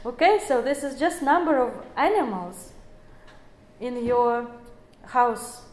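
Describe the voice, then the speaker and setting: A woman in her forties delivers an explanatory lecture in English, using many fillers and correcting herself often. Her voice is fairly high and a little mellow, with lively intonation and a slow pace. The room is echoey, with slight background noise.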